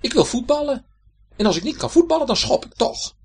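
A man voicing a hot-tempered, football-mad left shoe in a children's story, shrill and defiant. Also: animated, moderate pace, slightly rough.

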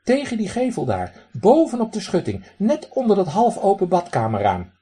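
A man voicing a stern, sharp-tongued male duck in a storybook reading, with a raw quacking voice and a reproachful, sarcastic manner. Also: sits high, wildly swooping pitch, moderate pace, breathy edge, pitched above the performer's own voice, exaggerated voice. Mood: explaining.

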